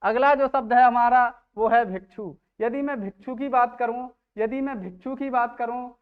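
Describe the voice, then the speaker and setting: Very high-pitched man teaching, smooth voice. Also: moderate pace, narrow, tinny audio. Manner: quizzes himself, asks then answers. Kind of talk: spelling lesson.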